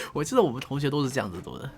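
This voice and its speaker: The channel host here is a young man with a medium-pitched, creaky voice that is fairly bright with a breathy edge. He chats casually to camera through a desk condenser mic, playful and teasing, mocking himself and hamming up English words.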